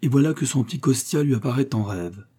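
A man reading a literary short story aloud as an audiobook narrator, in a measured, solemn way. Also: mid-range voice, expressive, warm tone, slightly rough.

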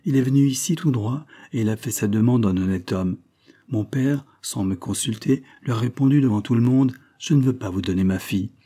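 A man's voice: mid-range voice, fairly quick, mellow, voice pushed up, close to an everyday voice. A man reading aloud, voicing a grieving, stubborn young peasant woman in a plaintive, insistent way. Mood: sorrowful.

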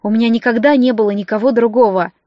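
A woman's voice: a little high, fairly even intonation, quick pace, no echo, muffled recording, lightly acted. A woman reading an audiobook voices a distressed young wife who speaks in a pleading, trembling manner.

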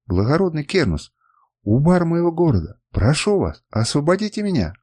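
A man's voice: mid-range voice, very animated, moderate pace, darkish tone, close to an everyday voice. A man voicing a frightened young captive woman who pleads tearfully in an audiobook reading. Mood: pleading.

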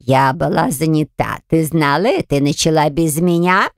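Brief: a woman voicing a hoarse, low, demanding young woman, dry and close. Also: normal speed, dry recording. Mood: indignant.

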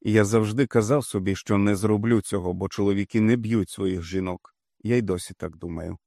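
A man voicing a calm, steady middle-aged father who speaks in a measured way. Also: on the low side, creaky, no room sound, clean studio sound.

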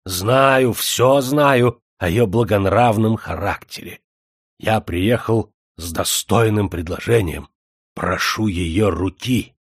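A man reading a storybook, voicing an arrogant, hot-tempered older factory owner who is imperious and quick to shout. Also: deep voice, breathy edge, no room sound, clean studio sound, heavily acted. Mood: eager, insistent.

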